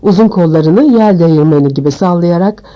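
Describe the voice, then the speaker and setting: A woman reading an audiobook aloud with expressive storytelling. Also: lowish voice, brisk, lo-fi sound. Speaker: audiobook narrator. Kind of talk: scripted audiobook narration.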